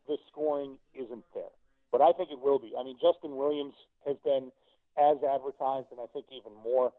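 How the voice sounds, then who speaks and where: A man's voice: medium pitch, no room sound. A male hockey broadcaster calling in as a guest, giving confident, joking analysis of his team. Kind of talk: sports talk call-in. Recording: tinny phone line.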